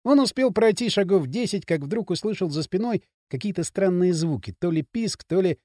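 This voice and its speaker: Expressive male audiobook narrator. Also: high voice, moderate pace, no room sound, studio quality. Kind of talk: scripted narration.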